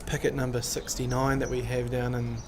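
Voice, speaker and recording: Male New co-commentator, dry and wry banter, ordinary pitch, clear outdoor noise. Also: completely flat delivery, brisk. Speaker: cricket co-commentator. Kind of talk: casual live sports commentary. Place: outdoor cricket ground.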